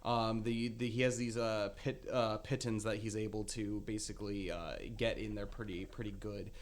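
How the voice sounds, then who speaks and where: A man narrating as game master of a tabletop game, halting with many fillers. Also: on the low side, little pitch movement.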